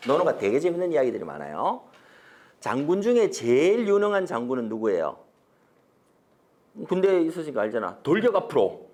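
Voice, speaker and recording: Animated male lecturer, lively pitch. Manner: animated storytelling, swings from loud to soft, acts out quotes; mixes polite and blunt casual speech, asks the audience questions. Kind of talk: corporate training lecture.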